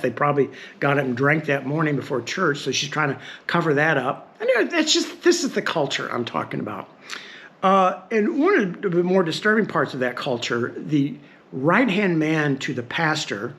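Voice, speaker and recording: A man's voice: fairly high pitch, fairly bright tone. A man, talking frankly in a personal monologue, wry and given to chuckling and digressing. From Northeast Tennessee. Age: 60s. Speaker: podcast host.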